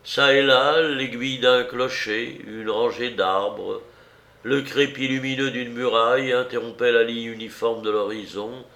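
A man narrating classic fiction as an audiobook, reading in a measured, deliberate way. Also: medium pitch, fairly even intonation, creaky, fairly bright tone. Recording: roomy echo.

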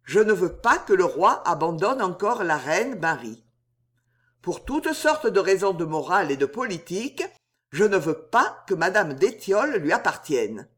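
A reader voicing a calm, authoritative older male stranger in a swashbuckling audiobook, speaking with measured command. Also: medium pitch.

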